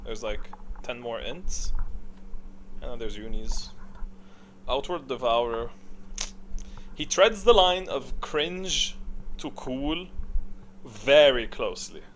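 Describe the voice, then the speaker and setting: Ranking game characters on video, a man muses aloud slowly with long pauses, his medium-pitched, fairly bright voice lively in intonation. His commentary is casual, unscripted and opinionated, frequently answering his own questions over a faint hiss or hum.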